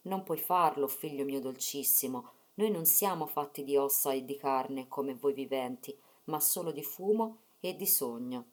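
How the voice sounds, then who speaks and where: A woman reading the part of a mother's gentle ghost, speaking tenderly and soothingly. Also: extremely low pitch, moderate pace, few pauses.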